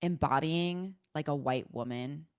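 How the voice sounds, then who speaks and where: A woman's voice: low voice, a little slow, darkish tone, smooth, no echo, studio quality. A woman co-hosting a book podcast in a laid-back way, often murmuring agreement. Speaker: podcast co-host. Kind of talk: casual book discussion.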